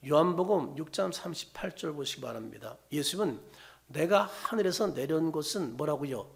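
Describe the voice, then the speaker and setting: Gravelly, lively Korean pastor preaching. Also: male voice, on the high side, fairly quick. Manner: asks the congregation questions and answers them himself; lively preaching, rising and dropping to near-whispers. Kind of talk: sermon.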